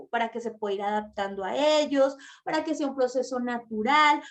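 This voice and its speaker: Woman, high voice, patient emphatic teacher speaking straight to parents. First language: Spanish. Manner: explains slowly, stresses words, addresses mothers directly. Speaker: early-childhood language teacher. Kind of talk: online masterclass lecture.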